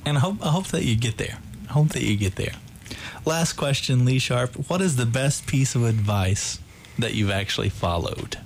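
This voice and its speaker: A man's voice: mid-range voice, lively intonation, normal speed. A man working as a casual, encouraging interviewer who tends to repeat himself. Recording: noticeable background noise.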